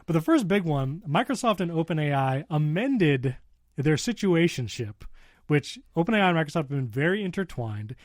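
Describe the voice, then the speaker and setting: A man's voice: on the high side, sing-song, moderate pace, no echo, clean studio sound. A man co-hosting a casual tech talk show, chatting and laughing often as he reads out the news. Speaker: podcast co-host.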